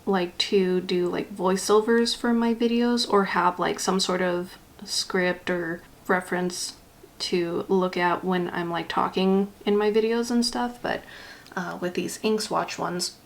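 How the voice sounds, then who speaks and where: A woman's voice: fairly low pitch, steady tone, unhurried, gravelly. A woman with a slight lisp from wearing a retainer, rambling casually and a little self-consciously as she talks through ink swatches for a vlog. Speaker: YouTube vlogger.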